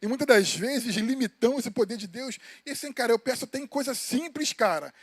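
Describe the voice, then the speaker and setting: A man's voice: extremely high pitch, lively intonation, fairly quick, dry recording, clean studio sound. A Brazilian man preaching an informal sermon in a church, telling personal stories in a colloquial way and calling the listeners brothers. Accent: Brazilian Portuguese. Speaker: evangelist preaching. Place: church sanctuary.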